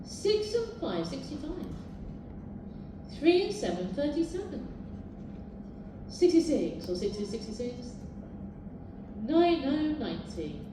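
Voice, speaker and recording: A British woman working as a bingo caller, announcing numbers live in a sing-song, formulaic way with measured repetition. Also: high-pitched, sing-song. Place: large echoing indoor bingo hall. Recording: very echoey hall, distant, noisy.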